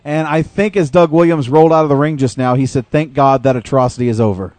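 A man's voice: on the high side, fairly even intonation, quick pace, a little mellow, no room sound. Man calling wrestling with a dry, close sound. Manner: informal, critical, narrates action move by move. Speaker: host calling the matches as play-by-play commentator. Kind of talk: live wrestling commentary, conversational.

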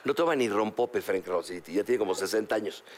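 A man's voice: on the low side, expressive, brisk, slight background noise. A man hosting a comedy podcast, telling rambling, crude anecdotes. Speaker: host.

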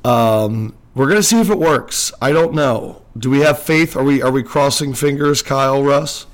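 A man's voice: medium pitch, normal speed. A man hosting a sports podcast, recorded under a blanket, talking in a chatty, joking way and a little nervous about his sound. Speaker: podcast host. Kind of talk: casual sports podcast chat. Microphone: home microphone under a blanket.

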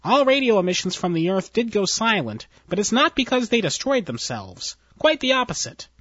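A man's voice: high-pitched, big pitch swings, normal speed, fairly bright tone, no echo, highs cut off, voice pushed up, heavily acted. A man voicing a nervous, timid alien male science officer who answers hesitantly and deferentially.

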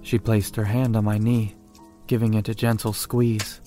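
A man giving a measured first-person scripted horror narration. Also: on the low side, little pitch movement, warm tone, faint music behind.

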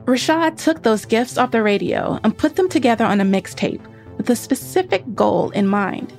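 A woman's voice: on the high side, animated, moderate pace, gravelly, darkish tone, faint music behind. A woman hosting a podcast, narrating and conversing on a close studio microphone. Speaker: podcast host. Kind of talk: scripted podcast narration, some conversational interview.

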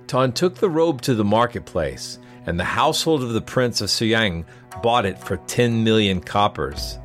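A man reading a traditional tale as a scripted, expressive storybook narration. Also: mid-range voice.

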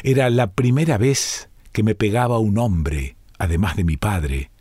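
A man reading a classic story aloud in the first person, slow and dramatic, rising to impassioned speeches. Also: on the low side, a little mellow, husky, no echo, clean studio sound. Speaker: audiobook reader. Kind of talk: scripted first-person literary narration.

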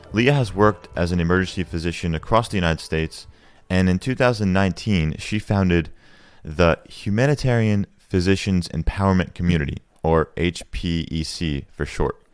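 Male podcast host with a deep voice and a dry, close sound; upbeat and conversational. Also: lively intonation, moderate pace, no echo, faint music behind. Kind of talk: podcast interview.

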